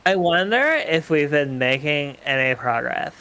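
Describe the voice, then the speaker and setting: A man's voice: fairly high pitch, unhurried, noisy background, close to an everyday voice. A man voicing a sweet, girlish young woman in a cartoon princess manner, reading game dialogue aloud. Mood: earnest, wistful. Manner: dainty cartoon princess delivery.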